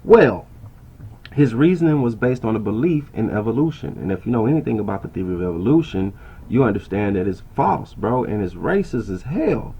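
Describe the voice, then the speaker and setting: A man's voice: on the low side, big pitch swings, brisk, breathy edge, highs cut off. A man reading an article aloud at his laptop and commenting on it in a casual, conversational way, often tossing in "right?" and "bro.". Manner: conversational, keeps asking "right?" and calling listeners "bro". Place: indoors at a laptop.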